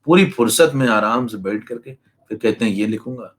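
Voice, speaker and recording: A young male chemistry teacher giving an online class lecture, brisk and teasing, now and then mimicking slow students. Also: mid-range voice. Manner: brisk, teasing, acts out lazy students in asides.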